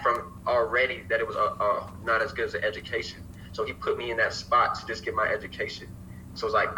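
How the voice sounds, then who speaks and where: Animated young man, bright casual voice. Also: mid-range voice, a little hiss or hum, rough recording. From Alabama, US. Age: young adult. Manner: animated, swears freely, keeps saying "you feel me". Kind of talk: casual chat.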